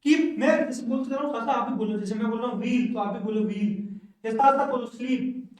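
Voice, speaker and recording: A man teaching English pronunciation in a classroom lesson, slowly repeating each word twice for learners to echo. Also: very high voice, darkish tone. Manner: says each word twice, slow drilling. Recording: very echoey room, voice from far off.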